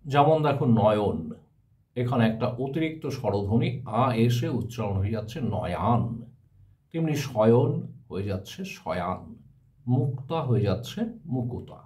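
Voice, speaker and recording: A male teacher giving a step-by-step grammar lesson, often pausing to ask his students rhetorical questions. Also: medium pitch, lively intonation, warm tone.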